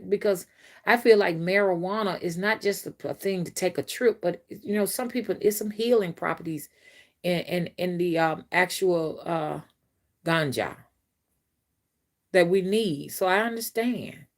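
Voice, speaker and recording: With a fairly low pitch and normal speed, a woman hosts a casual spiritual live stream on her phone. Her talk rambles and loops back on itself as she addresses viewers and reads their comments.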